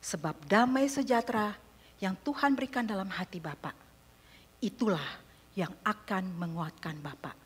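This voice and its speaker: A gentle older pastor gives counsel in a soft, low, calm voice that drops almost to a whisper. He speaks slowly and kindly, as a woman preacher puts him on in a story. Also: slightly rough, long reverb tail, lightly acted.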